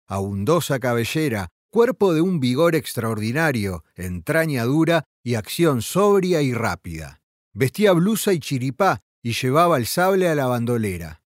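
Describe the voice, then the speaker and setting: A man narrating an audiobook in a dramatic, expressive reading. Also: mid-range voice, dry recording, clean studio sound.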